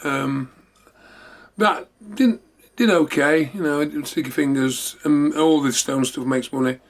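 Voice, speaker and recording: A man with a slightly high voice takes his time as host of a memorabilia show. His casual show-and-tell talk wanders and circles back to the same points.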